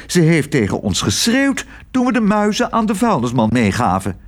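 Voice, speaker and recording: A timid older aunt who stammers and complains, her voice pitched high. A man puts her on while reading a storybook aloud. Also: huge pitch swings, moderate pace. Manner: stammering, whiny.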